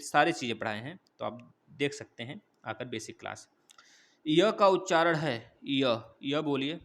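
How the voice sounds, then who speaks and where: A man's voice: medium pitch, fairly bright tone. A man teaching an exam-prep quiz class, going through questions one by one and coaxing viewers for answers. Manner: repetitive, coaxing, addresses viewers as friends.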